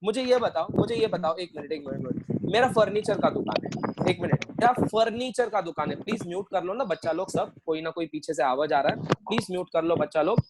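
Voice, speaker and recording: A man's voice: sits high, fairly quick, very noisy. A man teaching an online accounting class, mixing Hindi and English, joking with his students and repeating phrases as he quizzes them.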